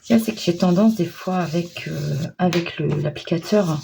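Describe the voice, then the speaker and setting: A woman narrating a craft tutorial in a casual, hesitant way, pausing often with fillers. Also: on the low side, vocal fry, noisy background. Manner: hesitant, many pauses and fillers, self-deprecating. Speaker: crafting vlogger.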